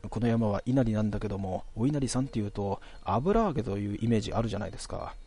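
A man voicing an old grandmother, speaking slowly and plainly as she explains an offering. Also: lowish voice, animated, mellow, breathy edge. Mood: calm.

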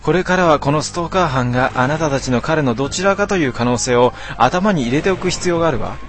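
Man doing a brisk young heroine. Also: fairly high pitch, pitched above the performer's own voice, close to an everyday voice. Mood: firm. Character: sharp young woman heroine, firm and brisk.

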